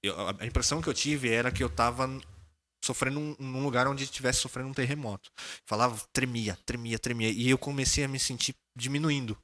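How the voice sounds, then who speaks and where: A man with a Brazilian Portuguese accent, a podcast guest telling a personal story in a casual, animated way. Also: medium pitch, fairly quick.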